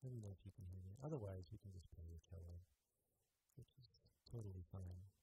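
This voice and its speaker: A cellist chatting casually to viewers on a live stream, relaxed and apologetic with many fillers, his voice run through a reverb effect that sounds like a big hall. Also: sits low, fast, slight background noise. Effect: reverb effect on his voice, like a big hall echo. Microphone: plugged into an audio interface input.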